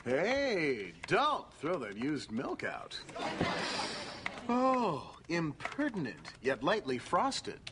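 An actor playing a sardonic, greedy talking cat in a sitcom, with theatrical, deadpan delivery. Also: male voice, a little high, very slow, background noise, heavily acted. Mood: wry, mischievous. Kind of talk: sitcom acting.

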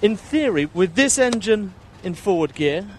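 A man's voice: sits high, very animated, normal speed, slight background noise. A man who is a contestant builder, casually explaining how something works.

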